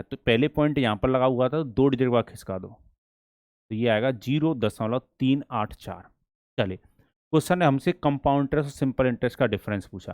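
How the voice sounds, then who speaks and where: A man teaching a maths lesson for exam prep. He asks the class questions and answers them himself, and he reads problems slowly and deliberately. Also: mid-range voice, darkish tone, no room sound, studio quality.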